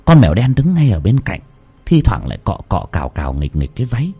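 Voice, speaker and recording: A man's voice: fairly low pitch, wildly swooping pitch, fast, warm tone, slightly rough. A man narrating a ghost story with a dramatic, tense delivery.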